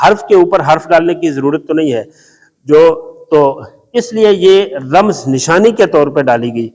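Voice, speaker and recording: A man's voice: on the high side, lively intonation, darkish tone. A man teaching a Quran reading lesson, explaining patiently with emphatic repetition. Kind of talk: classroom lesson explaining Arabic letters. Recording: long hall reverb.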